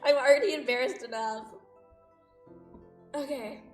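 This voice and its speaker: Her voice sits high and stays steady, unhurried, as she livestreams a visual novel, reading aloud and chatting with exaggerated, playful drama. Music plays behind her, and the distant mic catches plenty of room echo.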